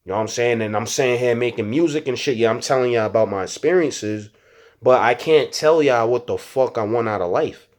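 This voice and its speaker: A young rapper and YouTuber gives a casual, reflective monologue to his viewers, speaking frankly in street slang and saying "you know what I'm saying" a lot. His mid-range voice moves briskly, though he often stutters and restarts his sentences.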